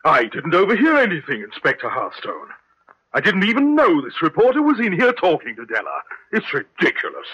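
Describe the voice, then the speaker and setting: A man's voice: a little high, wildly swooping pitch, fairly quick, pushed and bright, husky, full character voice. An actor playing an evasive businessman under suspicion in a 1950s radio drama, protesting and defensive. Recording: muffled old radio recording.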